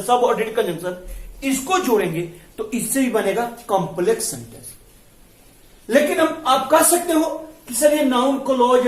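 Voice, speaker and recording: A man teaching an English grammar lesson, explaining step by step and repeating the key terms. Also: very high voice. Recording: echoey room.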